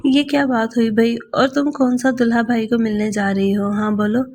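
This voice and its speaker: A woman's voice: a little high, little pitch movement, moderate pace, darkish tone, a little hiss or hum, close to an everyday voice. A woman reading as a cheeky stubborn young woman. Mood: cheeky nagging. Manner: playful, nagging.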